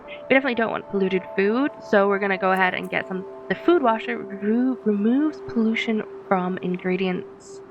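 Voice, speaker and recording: A woman's voice: medium pitch, creaky. Chatty woman narrating her gameplay. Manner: chatty, giggles at puns, thinks aloud. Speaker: let's play host. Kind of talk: casual gameplay commentary.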